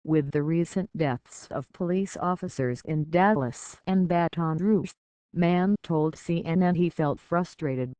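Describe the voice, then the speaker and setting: A news narrator giving a scripted report in an even, measured read. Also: mid-range voice, clean tone, dry recording.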